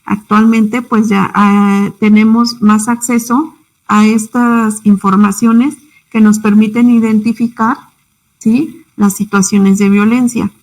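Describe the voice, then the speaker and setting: A woman's voice: mid-range voice, flat delivery, takes it slowly, darkish tone, rough recording. A young woman with a Mexican Spanish accent giving a symposium talk, conversational and full of tag questions. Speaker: psychology speaker.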